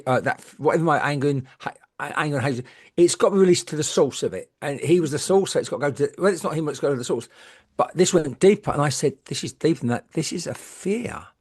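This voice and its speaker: A middle-aged woman, a medium, telling candid stories in lively chat, swearing freely and acting out the people she quotes. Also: deep voice. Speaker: guest medium.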